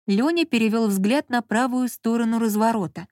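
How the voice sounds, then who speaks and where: Woman narrating an audiobook, expressive. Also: fairly high pitch, moderate pace, no room sound, studio quality. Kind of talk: scripted narration.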